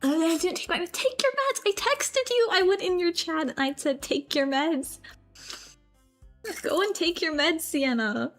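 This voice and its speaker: Woman streamer, high voice, playful and giggly, faint background music. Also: animated, a little slow. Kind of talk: casual chat with viewers. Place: grandmother's house.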